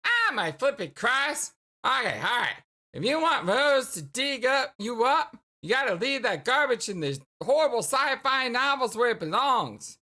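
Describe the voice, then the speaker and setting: A woman's voice: a little high, heavily acted. A woman voicing a brash, upbeat, cocky young guy in a video game, talking casually and emphatically. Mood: exasperated. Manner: animated, casual, drawn-out emphatic words.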